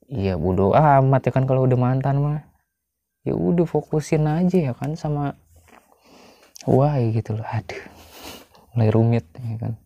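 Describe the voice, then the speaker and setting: A man's voice: mid-range voice, gravelly, warm tone, no room sound, dull audio. A chatty young man, commenting on a story game and talking to his viewers. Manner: chatty, addresses viewers as friends. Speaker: gaming YouTuber.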